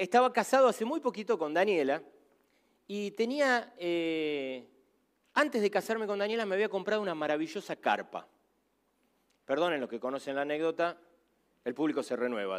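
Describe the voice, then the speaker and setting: Animated Rioplatense pastor in his fifties. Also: high-pitched. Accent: Rioplatense Spanish. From Argentina. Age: 50s. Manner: animated storytelling, acts out voices. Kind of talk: sermon.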